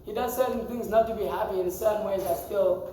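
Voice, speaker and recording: Brisk and dark in tone, his voice sits high as he runs a scripture class for a group in a temple hall, with slight background noise. He talks conversationally, quizzes the audience and laughs often. The echoey hall is captured from a distant mic.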